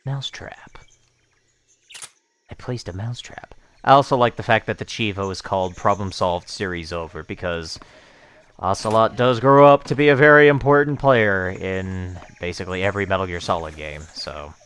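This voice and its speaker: A man's voice: deep voice, fairly quick, a bit bright, clear, resonant tone. A young man casually commenting on his gameplay in a goofy, rambling way, often muttering to himself. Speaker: let's play streamer.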